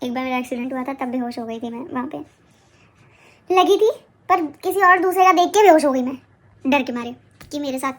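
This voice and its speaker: A young woman vlogger telling a personal story to the camera in a casual, animated way, acting out what others said. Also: high-pitched, a little fast, long pauses.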